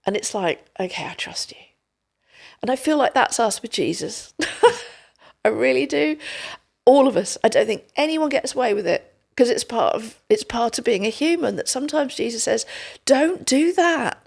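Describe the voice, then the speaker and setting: A woman's voice: a little high, animated, moderate pace, gravelly, darkish tone. A middle-aged woman, hosting a podcast in casual conversation, telling stories tenderly and acting out what people say. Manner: tender, storytelling, acts out quotes. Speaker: podcast host.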